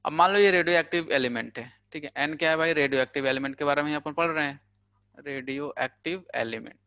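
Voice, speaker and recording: A man's voice: fairly high pitch, very fast, pushed and bright, smooth, no room sound, highs cut off. A young man teaching physics in a casual lecture, chatty and full of filler words, using everyday money examples. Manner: chatty, peppers talk with "thik hai" and "bhai". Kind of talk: casual Hindi lecture for exam prep.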